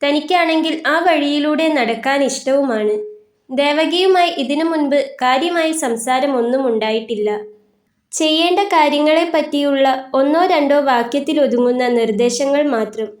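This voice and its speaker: High-voiced woman reading a story aloud. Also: normal speed. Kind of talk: scripted narration of a literary story. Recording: roomy echoey room.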